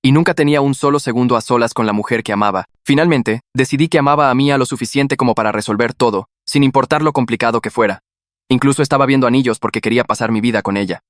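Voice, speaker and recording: A man reads a first-person story aloud, moving at a rapid clip. His voice sits at an ordinary middle pitch, and the recording is dry and close. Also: dry recording. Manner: brisk, steady storytelling read. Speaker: narrator.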